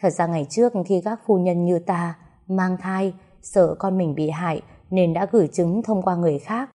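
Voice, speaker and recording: A woman's voice: lowish voice, normal speed, mellow, close to an everyday voice. A woman voicing a commanding, ruthless noblewoman of a snake clan, mother of its prince. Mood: knowing.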